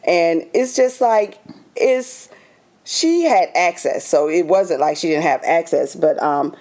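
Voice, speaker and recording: A woman co-hosting a casual talk show, speaking bluntly and without filters. Her pitch swings widely as she talks, and she laughs through her jokes. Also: animated, slow, a little mellow. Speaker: co-host. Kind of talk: casual chat.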